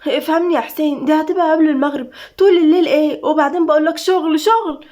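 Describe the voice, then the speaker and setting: A woman's voice: sits high, rapid-fire, a little mellow, pitched above the performer's own voice, close to an everyday voice. A woman voicing a strained young wife who pleads tensely, in an Egyptian-accented audio story. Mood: pleading.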